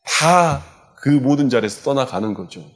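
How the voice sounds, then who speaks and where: A male pastor preaching a sermon in a church, with impassioned delivery that swings from loud urgency to hushed softness. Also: medium pitch, animated, moderate pace. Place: church sanctuary.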